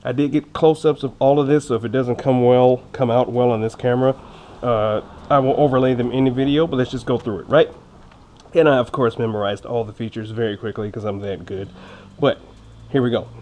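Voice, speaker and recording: A man's voice: medium pitch, fairly even intonation, fairly quick, a little mellow. A man speaking with braces on, giving a chatty, jokey, informal unboxing review as a vlogger. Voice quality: slightly impeded speech from wearing braces. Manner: jokey, informal, chatty, self-teasing asides. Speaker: motorcycle vlogger reviewing gear. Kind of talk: casual unboxing review chat. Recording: clear background noise with clicks.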